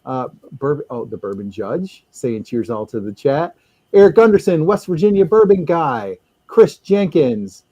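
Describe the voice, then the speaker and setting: A man's voice: a little high, sing-song, dark tone, no echo, dull audio. Guy hosting a live stream, kinda rambly with lots of uhs, dry close mic. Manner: loose, halting, lots of fillers. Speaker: host. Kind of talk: casual livestream chat.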